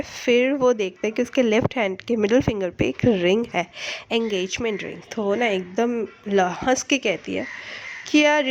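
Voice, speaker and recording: A woman's voice: a little high, a little hiss or hum. A woman casually retelling a fanfiction story in a chatty way, with many fillers. The recording is muffled and lo-fi.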